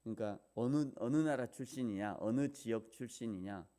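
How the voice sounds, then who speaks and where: A man's voice: medium pitch, moderate pace, dark tone. A man pastor giving a morning devotional sermon, speaking in a conversational way with fillers and rhetorical questions.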